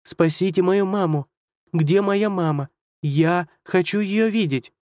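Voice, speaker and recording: A man's voice: high voice, a little slow, a little mellow, no echo, clean studio sound, pitched above the performer's own voice. A man voicing a panicked young girl. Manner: cries out in panic. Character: frightened young girl, distraught and pleading.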